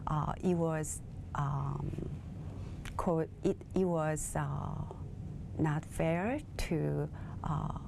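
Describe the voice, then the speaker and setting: A woman from South Korea, a native Korean speaker with a Korean accent, answers questions as a TV interview guest, speaking in a measured way as she searches for words in English. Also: sits low, fairly even intonation, vocal fry, background noise. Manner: measured, searching for words in her second language. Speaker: guest, bilingual facilitator.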